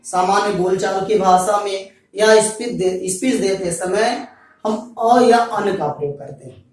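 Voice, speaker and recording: A man's voice: high voice, measured pace. Male teacher, patient repetitive lecturing, distant mic, heavy room echo. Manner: repeats points, addresses students directly. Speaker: English teacher. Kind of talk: Hindi-language grammar lecture. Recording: very echoey room, far from the mic.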